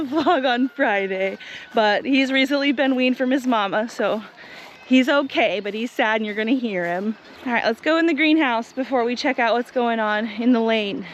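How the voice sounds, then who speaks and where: A woman's voice: fairly high pitch, lo-fi sound, a little hiss or hum. Chatty woman giving a garden tour. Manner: chatty, upbeat, explains as she walks. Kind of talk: casual walking tour narration. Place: outdoor garden and greenhouse.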